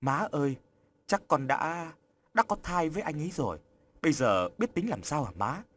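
A trusting young woman speaks softly and pleadingly, voiced by a male narrator. Her voice sits a bit higher than his own and swings freely in pitch, like a storybook read aloud. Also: sing-song, normal speed. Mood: tearful. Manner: soft, pleading. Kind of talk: audiobook character voice.

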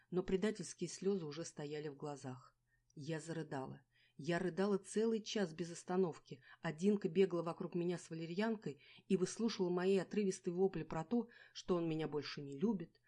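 A woman reading a novel aloud in the first person, with a steady, measured delivery. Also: deep voice. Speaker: audiobook narrator. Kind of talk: first-person scripted narration.

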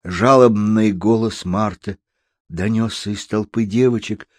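A man narrating a story aloud, lively and slipping into voices for the characters. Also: on the low side, measured pace, no room sound, clean studio sound. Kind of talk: storybook reading.

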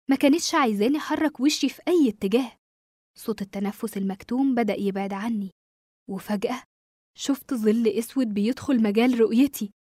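A woman with an Egyptian accent narrating a first-person horror story in a hushed, suspenseful way. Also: a little high, no room sound, clean studio sound. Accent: Egyptian Arabic.

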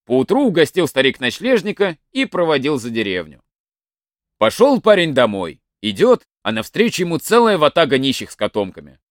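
Animated male folk-tale narrator. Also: on the high side, moderate pace, no room sound, studio quality. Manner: expressive, animated storytelling.

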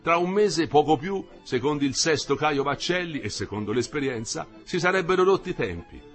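A man reading a literary novel aloud, with a measured and expressive delivery. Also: on the high side, faint music behind. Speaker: audiobook narrator.

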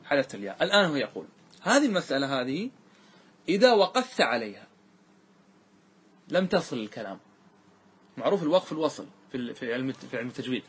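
A man teaching a grammar lesson to a class, quizzing students with quick questions and reciting verses slowly and drawn-out. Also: mid-range voice, big pitch swings, breathy edge.

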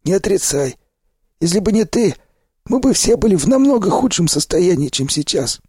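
A man reading an audiobook, voicing a hoarse, gruff male stalker who leads the group. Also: high voice, very animated, normal speed, warm tone, no room sound, studio quality, pitched above the performer's own voice, full character voice. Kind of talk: audiobook character voice.

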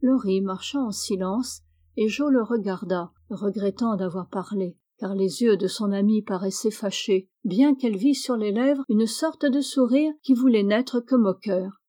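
Mellow woman reading a novel aloud. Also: mid-range voice, unhurried. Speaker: audiobook reader. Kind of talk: read-aloud novel narration.

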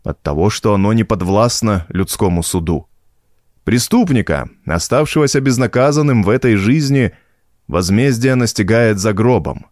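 Storybook: gentle, firm old priest played by a male reader, solemn, preachy. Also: fairly low pitch, moderate pace, no room sound, studio quality, natural voice. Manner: calm, preaching tone.

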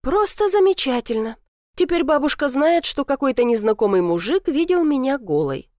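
Audiobook: woman reading a snappy indignant young woman, high bright voice. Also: big pitch swings, normal speed, dry recording, studio quality. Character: indignant sharp-tongued young city woman.

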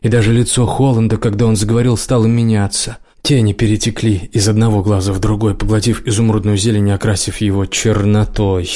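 Man reading an audiobook, lowish voice, steady dramatic narration. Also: fairly quick, few pauses.

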